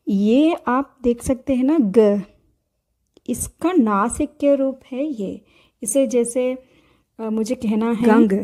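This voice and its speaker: Woman, patient teacher, repeats letters, high-ish mellow voice. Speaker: language teacher. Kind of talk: step-by-step writing lesson.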